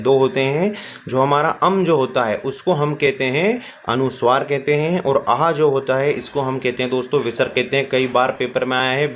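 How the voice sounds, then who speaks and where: A male teacher giving a grammar lesson, who keeps asking questions and answering them himself, addresses viewers as friends, and slowly stretches out sounds as examples. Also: medium pitch, a little hiss or hum.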